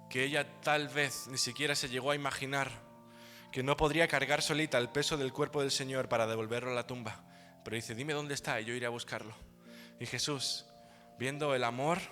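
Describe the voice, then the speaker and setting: Man, pastor, lively humorous sermon, piercing bright tone, reverberant hall, faint music underneath. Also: mid-range voice. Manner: lively storytelling, with playful humor. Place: church hall.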